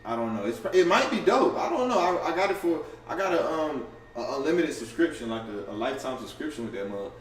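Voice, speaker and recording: A man in a casual livestream to camera, talking fast and loosely with lots of slang, profanity, restarts and "you feel me" asides. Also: on the high side, expressive. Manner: fast and offhand. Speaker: content creator going live. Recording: roomy, distant camera audio with faint ambience.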